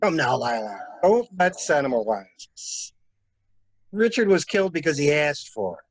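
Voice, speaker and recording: In an amateur murder mystery radio play, a man acts a cynical, plain-spoken adviser, sounding blunt and wry. His fairly high voice swings widely in pitch at a normal speed, and the recording is dry.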